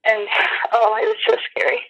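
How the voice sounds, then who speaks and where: A woman's voice: fairly high pitch, big pitch swings, normal speed, fairly bright tone. Shaken woman on a phone line. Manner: shaken, rambling with many restarts. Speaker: eyewitness interviewee. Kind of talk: phone interview testimony.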